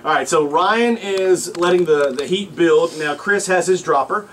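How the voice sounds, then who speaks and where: A man hosting a live radio show, giving energetic play-by-play commentary in a crowded studio. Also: a little high, a little slow, a little hiss or hum. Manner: energetic, excitable narration.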